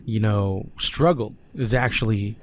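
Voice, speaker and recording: A man's voice: lowish voice, a little slow. A man hosting a podcast, asking long questions with frequent hesitant fillers. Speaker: podcast host. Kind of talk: interview questions, casual.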